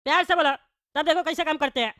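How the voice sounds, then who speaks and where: A woman's voice: high-pitched, fast talker, bright, forceful tone, dry recording, clean studio sound. A woman voicing an arrogant bald politician who picks a fight with the passengers sitting beside him. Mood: scolding. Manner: brash, threatening, rude. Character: bald loudmouth politician seated next to them, arrogant and quarrelsome.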